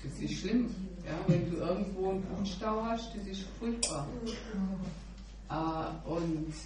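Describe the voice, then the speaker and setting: Picked up from a distance by an echoey room mic amid background noise, a woman shares earnestly at a church meeting, often adding an affirming "ja". Her informal devotional talk comes in an unhurried, medium-pitched voice.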